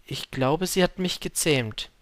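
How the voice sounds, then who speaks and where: A man voicing a gentle, earnest young boy prince in an audiobook reading. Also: fairly high pitch, measured pace, dry recording, studio quality, voice pushed up.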